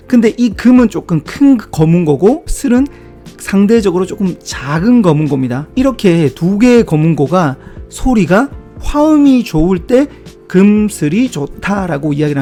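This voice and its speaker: This middle-aged man hosts book-review videos and speaks in a warm, mellow, high-pitched voice over a soft music bed. Relaxed and chatty, he explains word origins casually, adding reflective asides and little jokes at his own expense.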